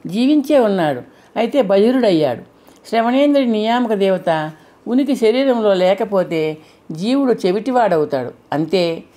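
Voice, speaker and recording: A woman reading an audiobook aloud, narrating a mythological novel in steady, measured storytelling. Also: mid-range voice. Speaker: audiobook reader.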